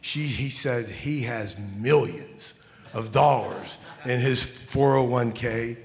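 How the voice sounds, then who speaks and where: A man in his sixties, a financial advisor on a conference panel, telling an earnest story, often restarting and repeating words as he acts out conversations. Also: mid-range voice. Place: conference hall. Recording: long hall reverb.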